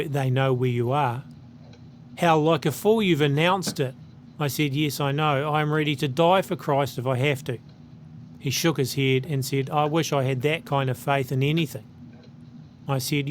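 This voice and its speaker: A man with a New Zealand accent, speaking at a medium pitch, earnestly reads a letter aloud while hosting his channel. There's slight background noise.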